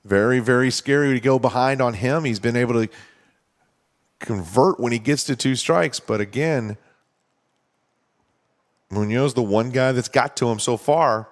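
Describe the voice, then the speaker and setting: Steady conversational baseball play-by-play man. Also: measured pace, long pauses. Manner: steady, conversational, explains strategy between pitches. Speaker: play-by-play announcer. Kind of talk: baseball commentary.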